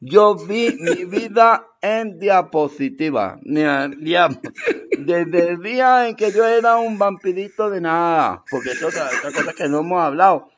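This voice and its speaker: A man playing a boastful, rambling old male vampire in an improvised comedy sketch, giggling and slipping into squeaky shouts. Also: lively intonation, a little slow. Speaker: comic guest in character.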